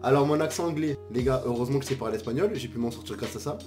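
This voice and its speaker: A man's voice: mid-range voice, very fast, music in the background. A young man telling travel stories in a casual vlog, slangy and jokey, with exaggerated asides. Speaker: vlogger.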